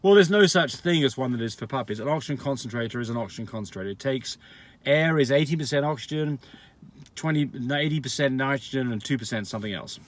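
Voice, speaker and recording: A man at a middle pitch talks through viewer questions in a loose, unscripted way. He is blunt and practical, and he often circles back and restarts his sentences as he explains. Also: expressive, fast talker. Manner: frank, rambling explanations with restarts and fillers. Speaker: dog breeder answering viewer questions. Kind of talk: casual advice Q&A.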